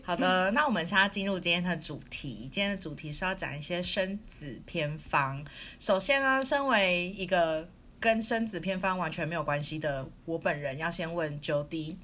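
A young woman with a Taiwanese Mandarin accent, co-hosting a casual podcast and telling stories with animated laughter. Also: on the low side, slight background noise. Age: young adult. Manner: animated, laughing, quick storyteller. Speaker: podcast co-host. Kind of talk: casual chat.

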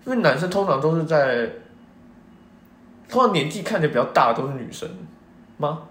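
A man's voice: a little high, animated, brisk, fairly bright tone. A young man with a Taiwanese accent chatting casually, his articulation a little slurred because he is wearing a retainer. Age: young adult. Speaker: podcast co-host. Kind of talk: casual chat. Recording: roomy, echoing indoor sound.

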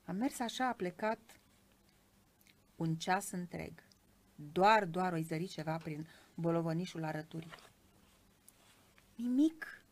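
A woman hosting a book show, reading a children's story aloud in an expressive, lilting way. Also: on the low side. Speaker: radio book show host.

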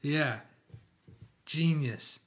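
A man's voice: a little high, extremely slow, a bit bright. A young man co-hosting a podcast in laid-back, playful casual banter. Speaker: podcast co-host.

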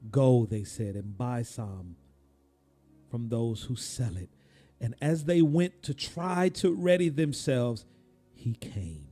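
A man, a pastor, preaching a sermon in a slow cadence that rises suddenly and drops to a hush. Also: on the low side.

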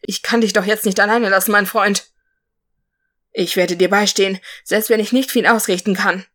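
A woman voicing a loyal, frightened male dwarf with a high, trembling voice. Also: fairly even intonation, moderate pace, a bit bright, lightly acted. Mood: fearful. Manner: high-pitched, shaky voice.

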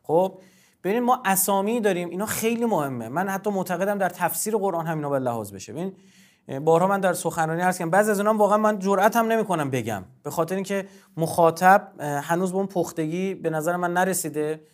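A man as guest scholar in a discussion of religion, lecturing in a formal, emphatic way and often repeating himself. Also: sits high.

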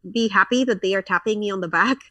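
A woman's voice: medium pitch, fast, sharp tone, no room sound, recorded from a distance. A woman in her thirties from Colombia, a pastor, talking frankly as a guest in a casual interview, with lots of fillers and restarts.

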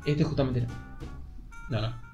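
A man with an Argentine accent talks at a middling pitch, rambling and pausing with fillers as he explains things. Faint music plays behind him. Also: fairly even intonation, dark tone, muffled recording. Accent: Argentine Spanish. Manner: rambling, searching for words with many fillers. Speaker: podcast co-host recommending games. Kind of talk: casual chat.

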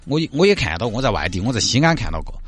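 A man's voice: medium pitch, big pitch swings, fast talker, slightly rough. A man with a Sichuan accent hosts a radio show, giving casual, colloquial commentary on the news and chatting directly to listeners. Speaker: radio host.

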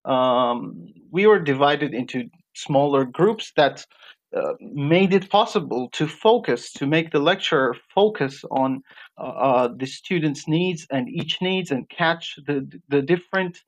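A man's voice: a little high, lively intonation, a little slow. A young man from Iraq, raised in Jordan, answering interview questions with many fillers and restarts. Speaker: guest, medical graduate. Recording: dull lo-fi sound.

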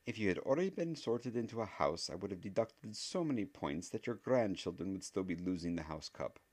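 A man with a very deep voice voicing a strict older woman professor who speaks in a clipped, sharp way. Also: expressive, fairly quick, slightly rough. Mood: stern.

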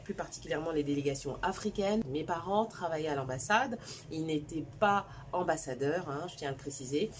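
Woman, forties, from Cameroon, low voice, casual storytelling, fillers and restarts, faint background hum. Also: darkish tone. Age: 40s. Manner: conversational, many fillers and restarts. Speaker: vlogger.

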